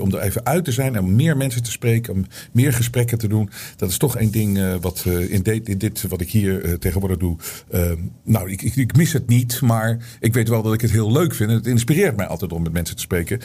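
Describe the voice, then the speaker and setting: A middle-aged man hosting his own online show, talking straight to his viewers in a loose, rambling monologue full of fillers and restarts that grows animated when he argues a point. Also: on the low side, breathy edge.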